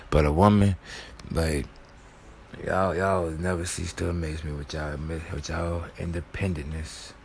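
A man's voice: extremely low pitch, gravelly, slight background noise. A man hosting a podcast in casual, slangy chat, drawling and swearing freely between songs, with a sleepy-sounding voice. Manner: calls himself sleepy-voiced. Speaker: podcast host.

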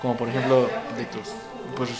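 A man's voice: mid-range voice, little pitch movement, moderate pace, loud music behind the voice. A man with a Mexican accent, hosting a podcast in casual, crude, teasing banter full of swearing. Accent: Mexican Spanish. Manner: joking, teasing, swears a lot. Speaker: podcast host.

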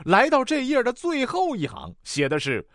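A man's voice: very high-pitched, normal speed, no room sound, clean studio sound. A man with a Northeastern Mandarin accent telling comic jokes and jumping between character voices. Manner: animated, switches voices, jokey. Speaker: joke teller.

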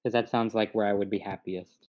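A man's voice: lowish voice, steady tone, brisk. A young man chatting casually, rambling and laughing at himself as he loses his train of thought, on a dull lo-fi recording. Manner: rambling, laughing, self-deprecating. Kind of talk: casual chat. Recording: dull lo-fi sound.

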